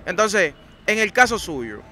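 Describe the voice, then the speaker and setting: A man's voice: high voice, very animated, a little slow, sharp tone, faint music behind. A man interviewing women on the street for a documentary, asking direct questions with slangy asides. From Dominican Republic.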